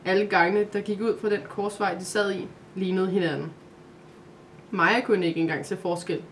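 A woman narrating a Christmas calendar story aloud, in a calm, steady way. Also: medium pitch, a little hiss or hum.

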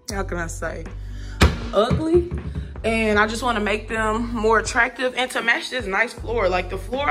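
With a sharp tone and a voice that runs a little high, a woman vlogger shows off her new, empty apartment indoors. She films on a phone while walking and chats casually to her viewers in informal slang.

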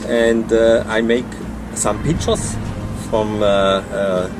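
Older sailor, halting. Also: male voice, fairly low pitch, fairly even intonation, over music. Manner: halting, simple phrasing. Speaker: interviewed sailor. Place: on deck of a boat, outdoors.

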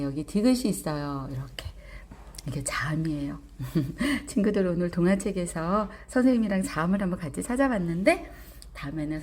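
A woman teacher leading a storybook lesson for small children, coaxing and animated. Her slightly husky voice rises and falls a great deal. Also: fairly low pitch.

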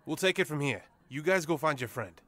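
A man's voice: a little high, animated, fairly quick, fairly bright tone, pitched above the performer's own voice. A man voicing a wry, confident male gang leader with a dry, teasing manner in an audiobook. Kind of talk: audiobook character voice.

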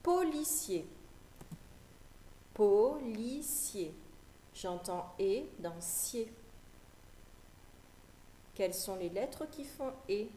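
A woman teaching a phonics lesson to young children, repeating each word slowly and articulating carefully. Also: medium pitch, animated, mellow, a little hiss or hum. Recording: echoey room with faint ambience.

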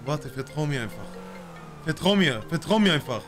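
A man's voice: fairly high pitch, expressive, normal speed, over music. Brash slangy man streaming a role-play.

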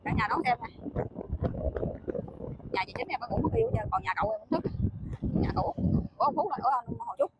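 Woman, Southern Vietnamese accent, vlogger mom, chatty, high voice, noisy outdoor phone recording. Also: expressive, fast talker, pauses often. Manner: chatty, keeps addressing viewers as family. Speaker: vlogger mother. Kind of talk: casual vlog narration to viewers. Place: riding a motorbike on a dark country road at night.

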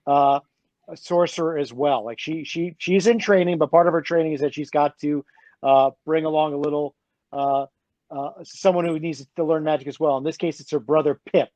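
A man's voice: fairly high pitch, steady tone, moderate pace, a little mellow, no echo, lo-fi sound. A man, a graphic novel author, chatting casually with many restarts and laughs. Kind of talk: casual conversation.

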